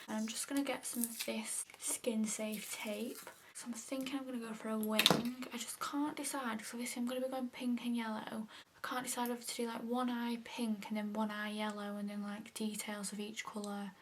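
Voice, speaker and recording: A young woman talks through her makeup routine in a loose, chatty way. Her voice sits a little high, and she often sinks into a soft half-whisper. Her sentences are full of casual fillers. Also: slight background noise. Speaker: makeup vlogger. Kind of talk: casual makeup tutorial chat.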